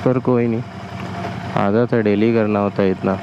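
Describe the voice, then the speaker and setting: An Indian motorcycle vlogger with a lowish voice chats informally with viewers in short remarks while busy with his bike. His intonation is fairly even and his speed normal. The action camera and helmet setup picks up outdoor vehicle and street noise, and the recording sounds muffled.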